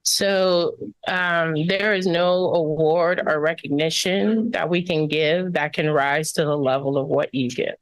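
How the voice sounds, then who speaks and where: A woman's voice: deep voice, fairly even intonation, measured pace, hardly any pauses, dry recording, poor audio. A woman school board member giving earnest, impassioned remarks at a public meeting.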